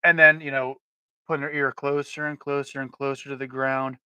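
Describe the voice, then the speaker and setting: A man co-hosting a loose podcast chat, winding through his stories with plenty of restarts. His voice is bright and forward. The sound is dry and close. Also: medium pitch, level tone, brisk, smooth, dry recording, low-quality recording. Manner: storytelling, rambling with restarts. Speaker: podcast co-host. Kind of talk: casual chat.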